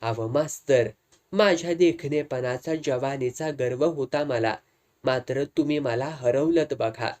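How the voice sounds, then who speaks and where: Young village woman, as a male narrator voices her, soft rural dialect, slow, unhurried. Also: medium pitch, natural voice. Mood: confessing. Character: young village woman, proud then humbled.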